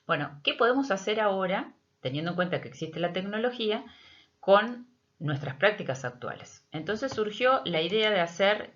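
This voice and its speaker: Explaining a project, a middle-aged teacher from Argentina delivers a prepared but hesitant talk, measured and full of pauses. Her mid-range voice is expressive and a bit bright. The audio comes across dull and lo-fi.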